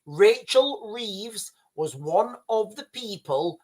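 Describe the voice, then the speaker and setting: A livestream host from Yorkshire, England, reads viewer comments slowly, his high-pitched voice animated yet a little mellow. He rambles in casual commentary, repeating and restarting phrases and often calling viewers "guys."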